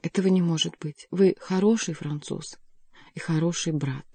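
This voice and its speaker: Brief: woman narrator voicing a scheming aging queen mother for an audiobook, honeyed and imploring, low mellow voice. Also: normal speed, breathy edge, no room sound. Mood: pleading.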